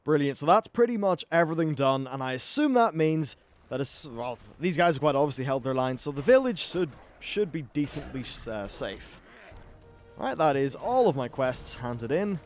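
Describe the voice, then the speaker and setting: A young man narrates his video game playthrough for YouTube in an informal, chatty, mildly sweary style. His voice is on the high side with big pitch swings at normal speed, and soft background music plays along with clear background noise and game ambience.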